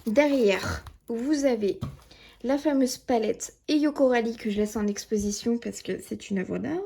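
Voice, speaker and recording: A woman's voice: on the high side, measured pace, creaky, dark tone, slightly rough. A woman vlogging from home at her dressing table, showing her things in a chatty show-and-tell way with lots of fillers. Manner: chatty, many fillers and "voilà". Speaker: beauty vlogger. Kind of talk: casual show-and-tell vlog. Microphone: camera or phone filming close.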